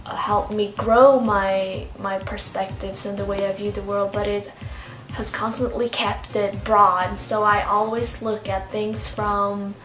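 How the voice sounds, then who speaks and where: A young woman from Norway answers interview questions at an even middle pitch with a rather flat delivery. She is reflective and often pauses to search for words. The sound is echoey and picked up from some distance. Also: music in the background. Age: young adult. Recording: echoey room, mic at a distance.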